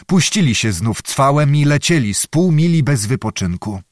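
A man narrating a historical novel in an expressive, theatrical reading. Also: medium pitch, moderate pace, no echo, studio quality. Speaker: audiobook narrator.

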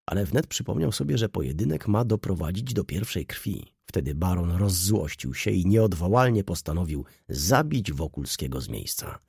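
Deep, gravelly male narrator. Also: big pitch swings, moderate pace, few pauses, a little mellow, no room sound, clean studio sound. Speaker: audiobook narrator. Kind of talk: scripted narration of a classic novel.

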